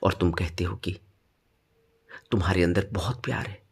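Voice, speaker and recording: A man teaching meditation in a spoken dharma talk, stressing points with sudden rises and then dropping low. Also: steady tone, moderate pace, gravelly, slightly rough.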